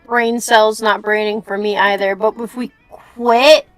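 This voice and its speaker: A woman's voice: mid-range voice, flat delivery, a little slow, dry recording. A woman chatting casually as a streamer, scattered and giggly, often talking to herself. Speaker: streamer playing and voicing a game with friends. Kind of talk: casual chat.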